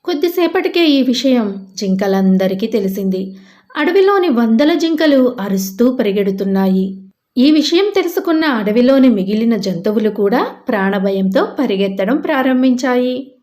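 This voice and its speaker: A woman narrating a children's moral story with a lively, expressive storytelling lilt. Her voice sits a little high for a woman. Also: moderate pace.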